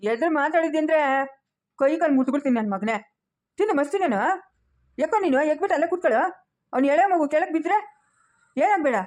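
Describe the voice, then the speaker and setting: A woman's voice: sits high, lively intonation, fast, pauses often. A woman playing a stern village elder who scolds the household, in a rural Chikkaballapur Kannada accent. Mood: scolding. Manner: sharp, scolding. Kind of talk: village family skit.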